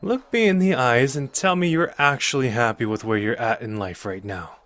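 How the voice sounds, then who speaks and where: This clip has no echo and features a man's natural, slightly bright mid-range voice at a moderate pace. He's voicing a cocky young sorcerer, playful on the surface but protective underneath, in an ASMR roleplay aimed intimately at the listener. Earnest and persuasive, he keeps things casual, teasing and conversational.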